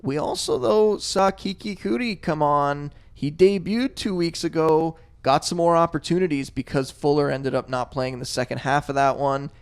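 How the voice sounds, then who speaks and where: A man's voice: fairly high pitch, moderate pace, few pauses, clean tone. A man hosting a casual podcast, laying out stats before asking his guest a question. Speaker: podcast host.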